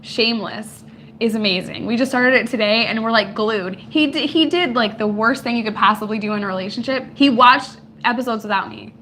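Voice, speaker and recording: A woman whose voice is hoarse and giving out, chatting casually and playfully with viewers as host of a live stream. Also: a little high, brisk, fairly bright tone, a little hiss or hum. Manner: playful, teasing, slangy. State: voice giving out, hoarse from recent voice loss.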